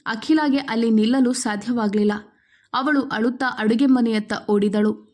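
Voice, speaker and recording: A woman reading a scripted family story aloud in a steady, measured way. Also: fairly high pitch. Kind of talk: scripted narration.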